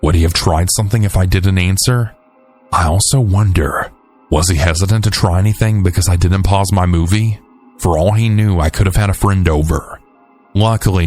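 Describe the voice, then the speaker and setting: Deep-voiced man narrating horror calmly. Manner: calm, measured reading of a first-person account.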